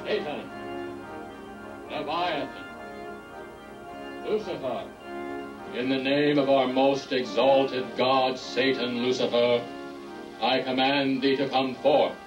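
A man's voice: medium pitch, fairly even intonation, slow, pauses often, distant mic. A man leading a ceremonial invocation in a solemn, commanding, declaiming way, heard on a worn tape copy. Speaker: ritual leader. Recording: dull worn tape from afar with music.

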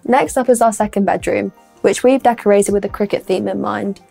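Woman presenting a house tour, slightly creaky voice. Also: mid-range voice, fairly quick, over music. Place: indoor rooms of a furnished house. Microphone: lapel mic.

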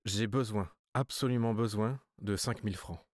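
A man's voice: fairly low pitch, moderate pace, no echo, clean studio sound, close to an everyday voice. Man doing a trembling, pleading genteel lady. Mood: troubled. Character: distressed hypnotized woman, genteel cousin.

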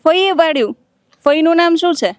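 A woman's voice: very high voice, animated, moderate pace, no room sound. A woman reporter interviewing schoolgirls on location outside a school, asking playful, teasing questions.

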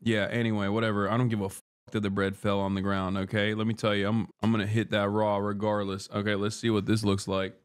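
A Turkish man in his thirties streams live from a small wood-paneled room, eating while he chats casually and profanely into a studio mic on a boom arm close to his face. His voice is fairly low and clean, with a level tone and quick pace, and he comes across as brash and joking, talking with food in his mouth.

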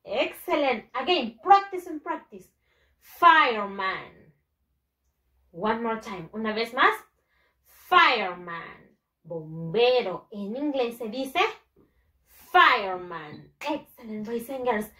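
Young woman teaching kids english, high voice, slow and drawn out, lots of praise. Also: expressive, fairly bright tone, echoey room, rough recording. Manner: slow drilled pronunciation, repeating each word in Spanish; praises often, voices pupil answers herself. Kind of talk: bilingual lesson for young children.

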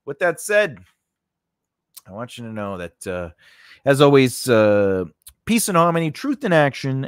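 Recording in his home studio, a male host in his forties delivers an informal screenwriting tutorial to camera, partly read from notes, his mid-pitched voice emphatic and swinging animatedly. A close studio condenser on a mount gives a dry, echo-free sound.

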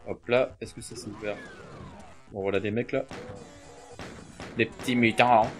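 A man's voice: fairly low pitch, fairly even intonation, normal speed, faint music behind. A young adult man giving casual, hesitant gameplay commentary, full of fillers and offhand swearing, on a desk mic with mouse clicks. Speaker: let's play gamer. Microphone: desk mic near mouse and keyboard.

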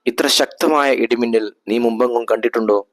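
A man's voice: mid-range voice, normal speed, dry recording, natural voice. A man voicing a proud, hot-tempered caliph in a spoken history story, commanding at times and pleading at others. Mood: questioning.

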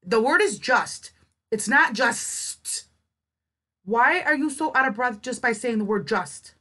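A woman's voice: on the high side, expressive, normal speed, bright, forceful tone. A woman doing blunt, scornful reaction commentary on clips, swearing often.

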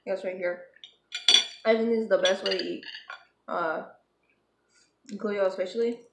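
A woman's voice: medium pitch, steady tone, unhurried, very noisy. Chatty woman eating on camera, echoey room. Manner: chatty and upbeat, talks between bites. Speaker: vlogger hosting a food-eating video. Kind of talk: casual chat while eating. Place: home, at a table with food. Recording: echoey room with clattering dishes. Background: clinking cutlery and dishes.

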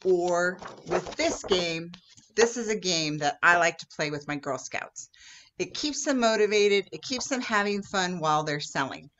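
Woman, troop leader, kids' lesson, upbeat, slightly low voice. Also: lively intonation, a little slow, a bit bright, lo-fi sound. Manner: upbeat, friendly teacher talk that acts out customer exchanges. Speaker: Girl Scout troop leader. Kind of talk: instructional video for kids.

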